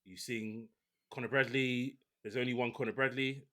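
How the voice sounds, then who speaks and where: A man with a mid-range voice hosts a casual football podcast, speaking at normal speed. He comes across as relaxed and opinionated, restarting his sentences often.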